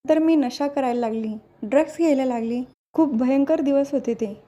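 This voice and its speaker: A woman's voice: sits high, normal speed, warm tone, highs cut off. A woman voicing a young woman doctor who speaks in an earnest, pleading way, read within a serial recap.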